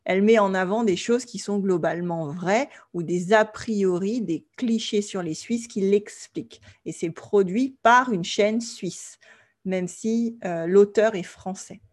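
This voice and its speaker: A French woman leads an online language class. She explains things patiently and plainly, pausing to make sure her students are following along. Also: medium pitch, darkish tone. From France. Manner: clear, patient explaining, often checks with "d'accord?". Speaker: French teacher.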